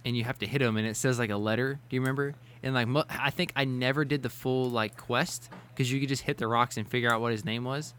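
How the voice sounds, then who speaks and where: A man's voice: medium pitch, fairly even intonation, quick pace, hardly any pauses, a bit bright. Man, quiz host, casual chat, rambling, restarts, laughs often.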